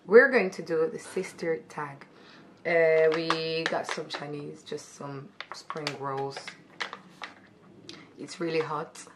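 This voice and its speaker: A woman's voice: low voice, fairly even intonation, slow pace, background noise. A woman in her twenties hosting a casual sister tag chat on her channel, playful and teasing. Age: 20s. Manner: playful, teasing, dips into quiet whispers. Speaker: YouTube host. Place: living room couch indoors.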